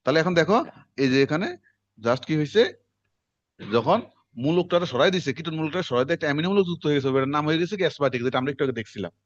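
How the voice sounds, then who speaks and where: Fast-talking male teacher quizzing students. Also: fairly high pitch, no room sound. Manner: quick, conversational, quizzing students. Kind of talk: classroom lecture. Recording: dull lo-fi classroom recording.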